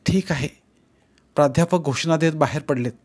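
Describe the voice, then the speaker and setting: A man's voice: on the high side, moderate pace, a little mellow, slightly rough. A man reading a story aloud, voicing a concerned female colleague asking what is wrong. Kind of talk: audiobook character reading.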